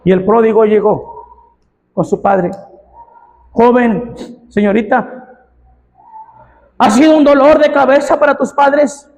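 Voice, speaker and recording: A man with a Mexican Spanish accent, a pastor preaching a fervent sermon, often shouting out the pleas he quotes. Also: extremely high pitch, fairly even intonation, slow pace, long pauses, highs cut off. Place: church hall. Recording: long reverb of a church hall.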